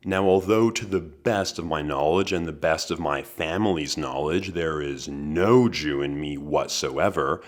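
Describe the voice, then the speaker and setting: A man in his twenties hosting a podcast, delivering a comedic monologue in a dry, deadpan manner with wry asides. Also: deep voice. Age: 20s. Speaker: podcast host.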